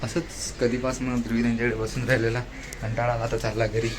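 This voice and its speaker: A man's voice: mid-range voice, flat delivery, quick pace, noisy background. A man hosting a casual family vlog at home, chatting and teasing, talking to viewers as guys.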